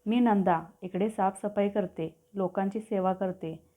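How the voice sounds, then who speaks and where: A woman's voice: mid-range voice, fairly even intonation, a little slow, mellow, natural voice. A woman voicing a polite young maid who speaks respectfully and coaxingly, in a storybook reading. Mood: reassuring. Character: polite young female hotel maid, deferential. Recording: tinny phone-like audio.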